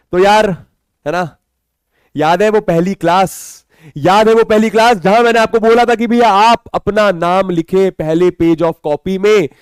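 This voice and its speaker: A young man teaching a live online math class, playful and chatty, repeating words in quick bursts as he talks to students. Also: high voice, clean tone, dry recording.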